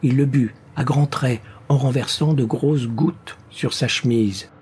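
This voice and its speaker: A man narrating a science fiction story as an audiobook reader, with a measured, dramatic delivery. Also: medium pitch, a little mellow, slight background noise. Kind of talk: scripted narration.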